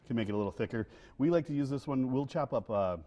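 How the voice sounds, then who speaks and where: A man's voice: medium pitch, quick pace. A man in his thirties, a winery guest on a TV cooking segment, talking casually with lots of fillers while he cooks in a studio kitchen. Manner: relaxed, many fillers and restarts. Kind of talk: casual cooking demo chat.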